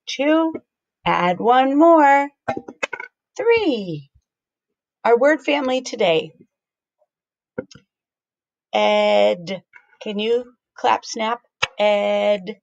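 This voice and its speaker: Slow, gravelly-voiced woman teacher. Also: medium pitch, no room sound, muffled recording. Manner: slow, sing-song, encouraging classroom delivery. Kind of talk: recorded morning lesson for young children.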